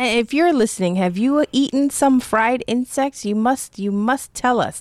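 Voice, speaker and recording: A woman's voice: a little high, no room sound, clean studio sound. A woman co-hosting a podcast in casual chat, upbeat and laughing often. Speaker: podcast co-host.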